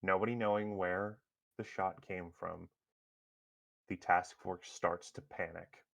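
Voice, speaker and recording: Slow, deep-voiced male game master. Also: fairly even intonation, creaky, fairly bright tone. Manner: halting, many fillers and restarts. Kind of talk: narrating a tabletop superhero game.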